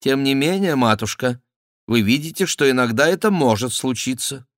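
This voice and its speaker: A man's voice: medium pitch, lively intonation, moderate pace, no echo, clean studio sound, pitched above the performer's own voice, lightly acted. A man voicing a proud, sly young royal duke who answers his mother with emphatic, indignant exclamations. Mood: defiant.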